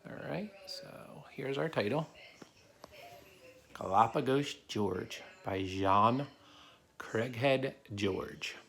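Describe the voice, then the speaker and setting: A man reads a picture book aloud to a child helper in an extremely slow way, pausing often as he explains things simply. His voice is mid-range with a fairly bright tone. The recording has clear background noise.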